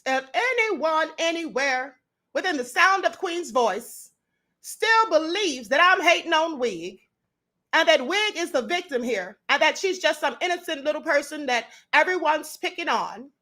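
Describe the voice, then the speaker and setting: An American woman delivers exposé commentary to her online audience in a high-pitched, sharp voice. She is smug and sarcastic, taunting the person she is calling out. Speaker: online video host. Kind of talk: exposé commentary talking to viewers.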